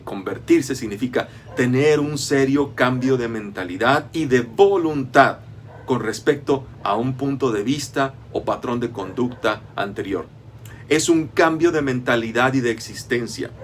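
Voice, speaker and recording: A man's voice: mid-range voice, slight background noise. A man giving a Bible study lecture, explaining step by step and often checking in with his listeners. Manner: lists many items one after another.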